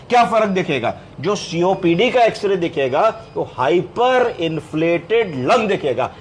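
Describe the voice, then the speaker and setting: A male doctor with a higher-pitched voice gives a patient, explanatory clinical medicine lecture over faint background hiss. He goes step by step, poses and answers his own questions, and mixes English medical terms into Hindi.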